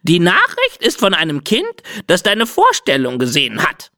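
A woman voicing a vain, theatrical female red bird messenger with a shrill, drawn-out voice in an audiobook. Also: huge pitch swings, pushed and bright, dry recording, studio quality, full character voice. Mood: self-important. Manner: drawn-out, self-pitying. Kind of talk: audiobook character voice.

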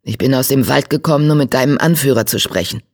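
A narrator voicing a proud tomcat clan leader who speaks in a low, stern, defiant growl. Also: fast talker, darkish tone, lightly acted. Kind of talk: audiobook character voice.

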